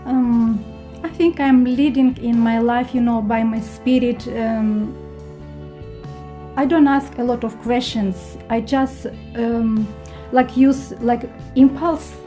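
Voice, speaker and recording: A woman from Ukraine with a Ukrainian accent, a guest healer answering radio interview questions in halting non-native English with many pauses and ums. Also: a little high, steady tone, dark tone, soft background music. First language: not English.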